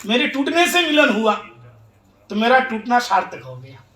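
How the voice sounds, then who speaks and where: A preacher playing a devoted talking bow, bright and earnest, echoey room. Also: male voice, extremely high pitch, huge pitch swings, moderate pace, heavily acted. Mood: content.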